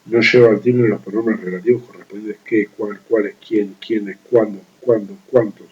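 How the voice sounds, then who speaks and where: A man reading a legal writing manual aloud, steady and methodical, restarting words he stumbles on and adding brief offhand remarks. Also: lowish voice, normal speed, narrow, tinny audio. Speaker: law study reader.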